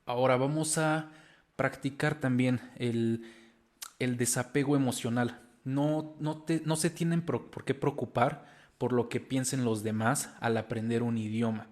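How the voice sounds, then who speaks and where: A man's voice: medium pitch, fairly even intonation, a little slow, a little mellow. Young Mexican guy in his 20s, earnest, encouraging motivational host talking to camera. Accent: Mexican Spanish. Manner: earnest and encouraging, addressing viewers directly. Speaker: language-learning video host.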